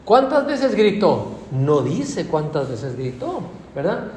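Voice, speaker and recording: A man's voice: fairly high pitch, takes it slowly, roomy sound, slight background noise. A man with a Mexican Spanish accent preaching a sermon, often asking his listeners questions. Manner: animated, asks the congregation questions.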